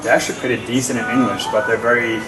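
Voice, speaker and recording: Speaking rapid-fire with a flat delivery at medium pitch, a Norwegian actor, a native speaker of the language, gives relaxed yet sincere interview answers. The recording sounds roomy and distant-miked, with music beneath.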